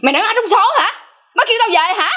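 An actress playing a bickering street-vendor older sister in a comic family melodrama, brassy and quick to argue. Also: female voice, very high-pitched, lively intonation, bright, forceful tone, full character voice.

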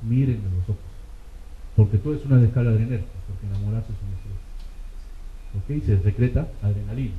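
A man's voice: fairly low pitch, quick pace, long pauses, a little hiss or hum. A male medical exam lecturer, teaching through rhetorical questions and frequent "ok?" check-ins. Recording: tinny, echoey classroom recording.

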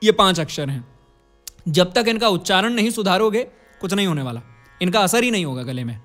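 High-voiced man teaching a singing lesson. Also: lively intonation, brisk, fairly bright tone, soft background music. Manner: explains step by step, then chants vowel drills. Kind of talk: vocal lesson.

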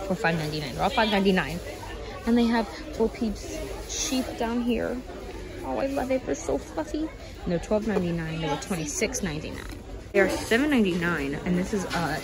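A woman's voice: mid-range voice, low-quality recording. A young woman vlogging casually as she walks through a store, chatting and listing prices while gushing over items. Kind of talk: casual shopping walkthrough. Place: indoor retail store. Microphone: handheld phone camera. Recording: busy store with crowd noise. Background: store crowd chatter.

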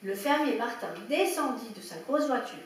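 High-voiced woman reading a children's story. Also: moderate pace. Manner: lively expressive reading. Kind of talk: reading a children's picture book aloud. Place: indoor room at a public story reading. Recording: echoey room, heard from a distance, faint background ambience.

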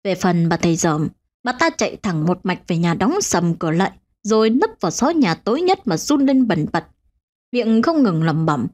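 Expressive woman telling a ghost story. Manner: expressive, swinging pitch. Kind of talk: dramatic ghost story narration.

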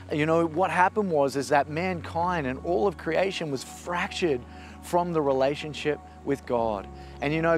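A man, a pastor giving an earnest, encouraging sermon on a forest path. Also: fairly high pitch. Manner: earnest, encouraging preaching with emphatic rises. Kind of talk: outdoor video sermon. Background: soft music.

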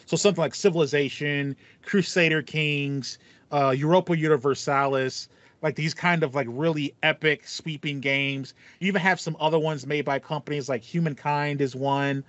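A man in his thirties with a slightly high, steady voice, a bit bright, speaks at normal speed. He's a podcast co-host chatting casually and enthusiastically about video game music, explaining things in a rambling way. He's indoors in a small home room lined with foam panels, on a headset during a video call, and the recording is dry and slightly muffled.

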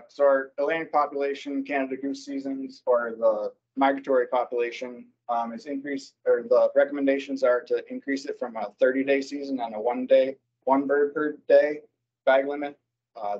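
A man presenting wildlife season recommendations at a public board meeting, speaking haltingly with many fillers and self-corrections over a video call. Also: mid-range voice, a little mellow. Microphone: computer mic on a video call. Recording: dull lo-fi video call audio.

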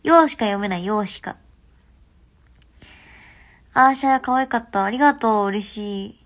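A young woman with a stuffy nose, chatting casually on a phone livestream and often dropping into soft half-whispers. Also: medium pitch, moderate pace. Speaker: livestream host.

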